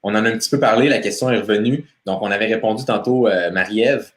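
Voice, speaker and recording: A man with a fairly low voice and a Québécois French accent hosts a live stream interview at a fast clip. He's casual, full of fillers and restarts, and the room sounds echoey.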